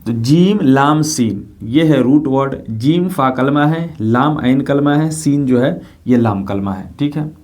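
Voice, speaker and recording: Patient man teaching grammar, dark voice. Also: medium pitch. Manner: patient, repeats points, often asks rhetorical check questions. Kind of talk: classroom lecture explaining grammar.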